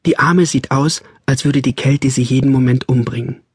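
A man reading the inner thoughts of a worried young mother in an audiobook, quick and anxious. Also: medium pitch, steady tone, husky, no room sound, clean studio sound, natural voice.

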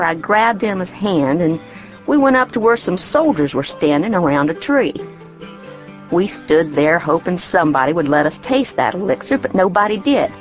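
A woman's voice: on the low side, muffled recording. A woman voicing a plainspoken ten-year-old country girl, telling her story in audiobook style with artless, rustic grammar. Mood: earnest, confiding. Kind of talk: first-person audiobook character narration.

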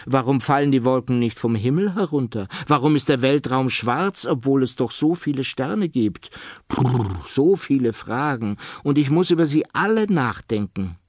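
A man's voice: medium pitch, expressive, normal speed, no room sound, studio quality, close to an everyday voice. A man voicing a jolly, lazy, round little king in a children's storybook. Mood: cheerful musing.

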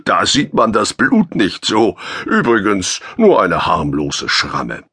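A man's voice: on the low side, wildly swooping pitch, slow, bright, forceful tone, slightly rough, voice pushed up, full character voice. A man voicing a huge, good-humored male spacer who teases in friendly banter. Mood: amused teasing. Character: giant good-humored male spacer, deep-voiced and teasing.

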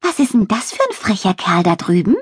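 Woman doing a squeaky, indignant little spider. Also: sing-song, a little fast, breathy edge, no room sound, studio quality. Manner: piping, indignant. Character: tiny offended female spider, cheeky and squeaky.

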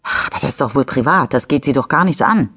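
A woman giving voice to a rattled middle-aged driver, husky, stammering, defensive, audiobook character, dry close sound. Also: very deep voice, lively intonation, fast, a bit bright, dry recording, full character voice. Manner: shaken, stammering, turning defensive. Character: nervous middle-aged male driver after a crash.

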